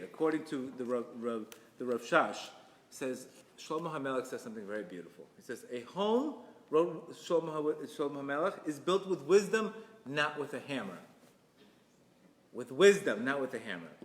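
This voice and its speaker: A man giving a lively religious class, acting out quoted voices and laughing often as he teaches. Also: mid-range voice. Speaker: Torah lecturer. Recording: echoey hall.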